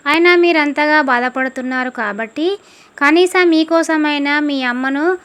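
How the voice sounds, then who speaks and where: A stubborn, sharp-tongued young wife from a folk tale, brushing off every plea with curt, dismissive replies, as a woman storyteller plays her. Her voice is high and firm. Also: measured pace.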